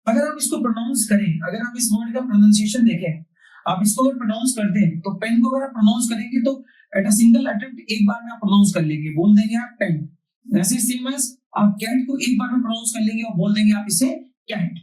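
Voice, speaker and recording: A man's voice: very high-pitched, brisk, darkish tone. Man lecturing in an echoey room. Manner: repeats key points, asks and answers own questions. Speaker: teacher. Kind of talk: classroom grammar lecture. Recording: roomy, distant mic.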